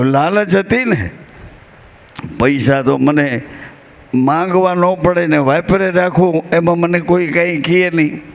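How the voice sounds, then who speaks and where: A man with a rural Gujarati accent speaks slowly to a devotional gathering, drawing out his words. His voice sits high, and he tells folksy stories, slipping quoted verses and dialogue into his talk. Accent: Gujarati, rural Saurashtra. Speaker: bhajan singer and spiritual speaker. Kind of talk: devotional discourse to a live gathering.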